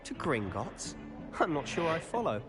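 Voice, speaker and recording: A man's voice: a little high, big pitch swings, normal speed, music in the background. An actor playing a confident, conspiratorial young male student. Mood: curious.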